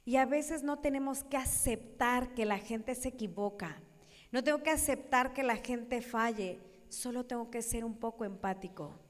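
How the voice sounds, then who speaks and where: A woman giving a lively sermon talk, acting out voices and asking her audience questions. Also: a little high, moderate pace. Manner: animated, acts out quoted voices, questions the audience. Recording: echoey hall.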